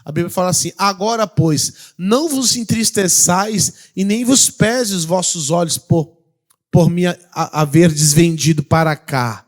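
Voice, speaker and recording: In his sermon, this high-pitched pastor with a Brazilian Portuguese accent speaks a little slowly. He poses questions to the congregation and swings between loud exhortations and quiet moments.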